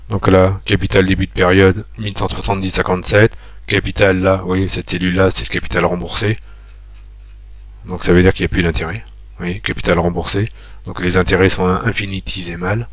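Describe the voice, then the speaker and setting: With a low voice and level tone, a man thinks aloud through a spreadsheet tutorial captured on screen, stopping frequently and filling gaps as he explains each step. The recording is dry.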